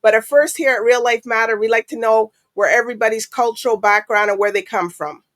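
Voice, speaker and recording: A woman's voice: a little high, brisk, a bit bright, no echo. A woman hosting a talk show in a chatty, casual way, with frequent fillers.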